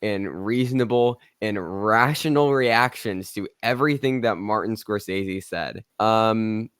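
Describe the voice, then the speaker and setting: A man's voice: on the low side, unhurried, a bit bright, clear, resonant tone, no echo, clean studio sound. A man co-hosting a casual film news podcast, rambling and sarcastic, often restarting his sentences. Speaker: podcast co-host.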